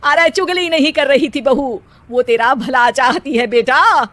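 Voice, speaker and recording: A concerned middle-aged mother acted by a woman in a moral-story cartoon. She advises and gently chides in a high, plain voice. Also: measured pace, dry recording. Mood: concerned, chiding.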